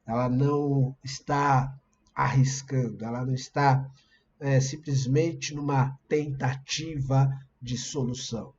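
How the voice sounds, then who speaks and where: Brazilian pastor preaching, muffled stream. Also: male voice, medium pitch, steady tone, takes it slowly, a little mellow, a little hiss or hum. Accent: Brazilian Portuguese. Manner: conversational, explanatory, shares screen slides. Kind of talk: sermon.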